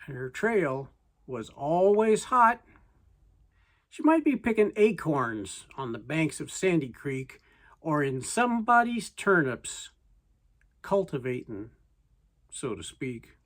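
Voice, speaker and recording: A person with a reciting poetry as a story in verse, in a folksy way with deliberate pauses. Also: medium pitch.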